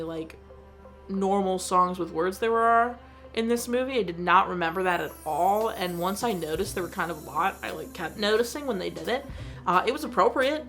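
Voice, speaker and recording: A woman's voice: on the low side, a bit bright. A woman hosting her own show, giving a chatty, enthusiastic movie review full of "like.". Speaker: host.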